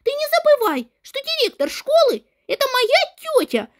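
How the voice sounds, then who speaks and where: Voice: extremely high pitch, huge pitch swings, moderate pace, a bit bright, pitched above the performer's own voice, heavily acted. A performer voicing a schoolgirl who scolds and threatens a bully in a game role-play. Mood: scolding. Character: fierce schoolgirl defending her classmates.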